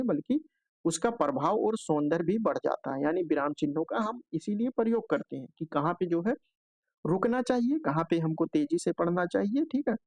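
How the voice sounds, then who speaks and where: Gravelly, higher-voiced man teaching exam prep. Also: darkish tone, no room sound. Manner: explanatory, repeats filler "jo hai" often; checks in with "theek hai" between points.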